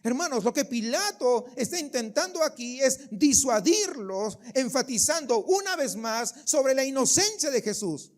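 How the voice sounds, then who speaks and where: A man's voice: very high voice, animated, a little slow, few pauses. A man preaching a sermon as pastor of a church service, emphatic and full of rhetorical questions aimed at the congregation.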